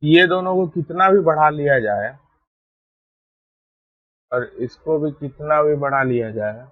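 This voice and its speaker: Male teacher, voice on the high side, dry close-mic recording, patient explainer. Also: measured pace, no echo, narrow, tinny audio. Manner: steady, repeats "ठीक है" to check understanding. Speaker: math teacher. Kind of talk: explaining a lesson while drawing.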